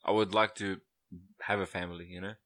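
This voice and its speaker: A man's voice: deep voice, little pitch movement, brisk, fairly bright tone. A man in his twenties co-hosting a casual podcast chat, laid-back, laughing often and saying "bro" and "you know" a lot. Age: 20s. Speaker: podcast co-host.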